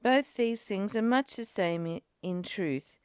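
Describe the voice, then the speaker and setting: A woman who co-hosts a study group reads aloud and then reflects in casual discussion, musing, questioning and conversational. Her mid-range voice is a little slow and a little mellow, recorded clean with no room sound.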